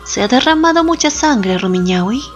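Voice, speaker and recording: A woman voicing a stern, commanding male Inca emperor in a solemn, authoritative tone, with soft music behind. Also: a little high, expressive, normal speed, lightly acted. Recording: slightly dull, soft background music.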